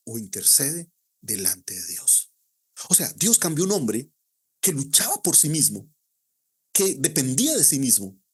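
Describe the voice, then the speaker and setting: Picture a male pastor preaching with a husky, slightly breathy voice. His pitch rises and falls a great deal, dropping low and quiet before climbing back up into emphatic points. He fires rhetorical questions at his listeners and answers each one himself. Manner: swings between hushed low passages and raised emphatic ones. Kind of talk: sermon.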